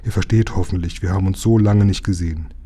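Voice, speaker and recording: A man voicing a gentle mermaid princess. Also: low-pitched, steady tone, fast talker, slightly rough. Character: young mermaid princess, friendly and proud.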